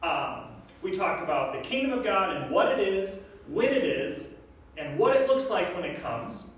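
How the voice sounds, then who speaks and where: A man's voice: sits high, big pitch swings, normal speed. Earnest young man preaching in an echoey church. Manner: earnest, direct, asks the listeners questions. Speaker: guest preacher. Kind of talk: sermon. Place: church sanctuary. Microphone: podium microphone, filmed from far back. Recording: echoey church room from far off.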